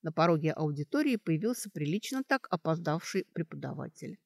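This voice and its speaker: A woman reads a story aloud with a low, expressive voice that moves freely up and down. Her storytelling is lively, and the recording is close and dry with no room sound. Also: a little fast, creaky, no room sound. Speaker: audiobook narrator. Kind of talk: scripted narration.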